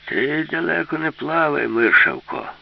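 A man voicing an old robot who plays a gruff grandfather, grumbling his words. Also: a bass voice, huge pitch swings, measured pace, pitched below the performer's own voice, full character voice. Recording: dull lo-fi recording.

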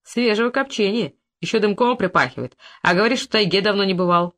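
A reader voicing a brisk male investigator in an audiobook, questioning with dry, mildly mocking persistence. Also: medium pitch, fairly bright tone, lightly acted. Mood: probing.

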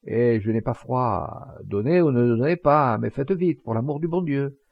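Ashamed poor beggar guy begging quietly, rough husky voice, a man doing it in an audiobook. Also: medium pitch, no room sound, lo-fi sound. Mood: pleading. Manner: hushed, hurried pleading.

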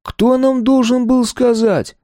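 A man's voice: very high-pitched, fairly even intonation, slow pace, dark tone, no echo, studio quality, voice pushed up. A man voicing a curt, bushy-browed teenage gang leader who demands answers. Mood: demanding.

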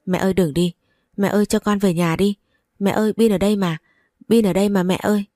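A woman voicing a small boy who cries and begs to stay with his mother, higher and faster than her own voice. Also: fairly even intonation, mellow, no room sound, studio quality, lightly acted. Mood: pleading. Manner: pleading, sobbing cries.

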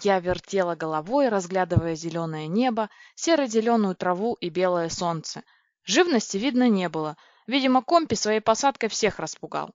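A woman reading a first-person storybook aloud in a lively, excitable, girlish way. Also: mid-range voice, normal speed, no echo. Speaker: audiobook narrator. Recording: dry, dull lo-fi recording.

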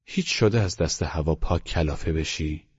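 Man voicing a young man, smug, drawling, husky, muffled lo-fi sound. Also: extremely low pitch, big-room sound, full character voice. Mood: friendly. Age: young adult. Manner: drawling, self-satisfied.

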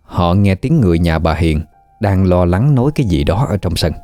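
A man narrating a horror story in a measured, even storytelling manner. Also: sits low, soft background music.

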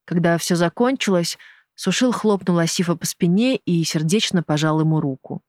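Measured audiobook narrator, dry close sound. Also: medium pitch, darkish tone, no echo. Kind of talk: scripted narration.

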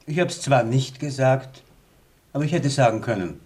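An actor playing a defiant, militant young party rebel in a radio play, speaking like an agitator. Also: male voice, mid-range voice, normal speed, darkish tone, natural voice. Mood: cool, defiant. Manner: agitating, emphatic orator. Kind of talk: theatrical radio play acting.

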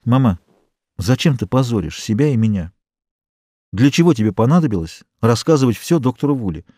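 Male reader as a calm, firm young woman, mellow and dry. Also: mid-range voice, fairly quick, no room sound, natural voice. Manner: calm, firm, self-assured. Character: calm, stubborn young woman set on her choice. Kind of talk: audiobook character reading.

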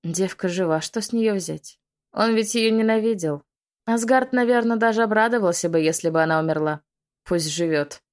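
A woman's voice: medium pitch, normal speed, lightly acted. A woman reading an audiobook, voicing a spiteful young witch who taunts and hisses through her teeth. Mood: dismissive. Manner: hissing, taunting.

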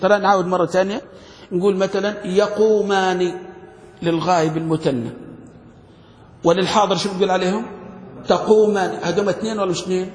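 High-voiced grammar teacher in echoey hall. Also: male voice, steady tone, quick pace. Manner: quizzing students with frequent questions. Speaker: sheikh teaching Arabic grammar. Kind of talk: classroom grammar lesson.

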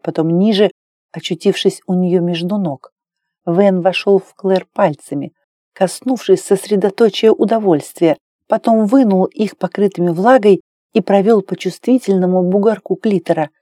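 A woman reading an audiobook in a measured, soft storytelling manner. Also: on the low side, no echo, studio quality. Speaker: audiobook narrator. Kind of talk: scripted narration.

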